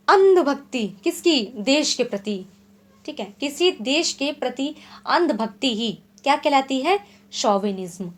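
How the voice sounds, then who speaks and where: A woman from India teaching English literature in an exam-prep lecture, explaining terms plainly and reading definitions slowly and deliberately. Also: high-pitched. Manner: checks in often with short confirming asides.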